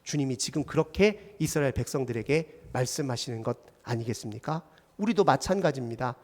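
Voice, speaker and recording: A male pastor preaching in a church, earnest and pleading, often dropping to a near hush. His voice sits fairly high for a man. The sound carries a long church reverb. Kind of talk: sermon. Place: church sanctuary.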